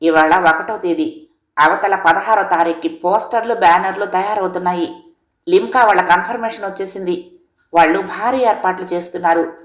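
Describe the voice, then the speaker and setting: A woman's voice: fairly low pitch, fairly even intonation, moderate pace, close to an everyday voice. A woman voicing an impatient, domineering middle-aged father in a storybook reading, scolding and demanding. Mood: insistent. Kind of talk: storybook character voice. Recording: roomy echo.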